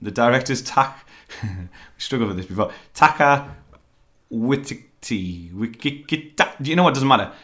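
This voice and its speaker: A man's voice: mid-range voice, animated, normal speed, fairly bright tone. A man hosting a casual film review chat, rambling and hesitant with lots of fillers. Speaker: film reviewer, podcast host.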